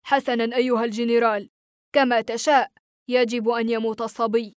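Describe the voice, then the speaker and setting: A woman's voice: on the high side, level tone, brisk, clean tone, dry recording, studio quality, close to an everyday voice. A woman voicing a huge, breathless male soldier who argues his point urgently. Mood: urgent reasoning. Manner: urgent, reasoning.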